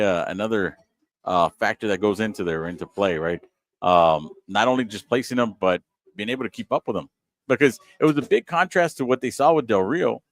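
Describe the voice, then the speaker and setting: A man doing color commentary on a local softball game, chatty and analytical, sometimes acting out little exchanges. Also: fairly low pitch, no echo.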